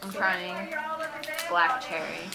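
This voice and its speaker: A woman's voice: on the low side, takes it slowly, gravelly, low-quality recording. Young woman chatting casually over music. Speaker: vlogger, co-host. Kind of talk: casual chat, candy taste test. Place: living room at home. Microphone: camera mic at arm's length.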